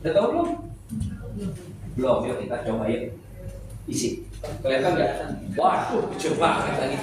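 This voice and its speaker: A man's voice: medium pitch, huge pitch swings, normal speed, a crowd in the background. A middle-aged man teaching at a church seminar, playful and joking with the congregation. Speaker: preacher. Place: church hall. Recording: echoey hall, speaker far from mic, noisy.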